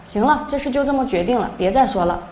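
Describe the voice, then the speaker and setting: A woman's voice: fairly high pitch, expressive, fast, warm tone, slight background noise, natural voice. A woman voicing an angry, domineering young husband who scolds his wife, read in an echoey room. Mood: irritated. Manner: scolding, dismissive.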